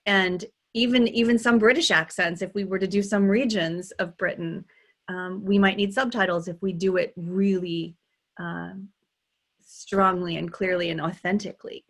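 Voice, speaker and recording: A woman, a dialect coach, talking in a relaxed interview, animated and laughing often, with many restarts. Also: lowish voice. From United States. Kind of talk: conversational interview.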